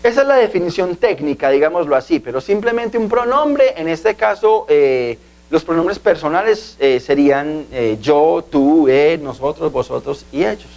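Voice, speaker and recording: Male tutor, slightly raised pitch, patient and repetitive classroom delivery. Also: expressive, normal speed, vocal fry, a little mellow. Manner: patient, repeats key words and asks "¿sí?". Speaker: language teacher. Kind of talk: video language lesson.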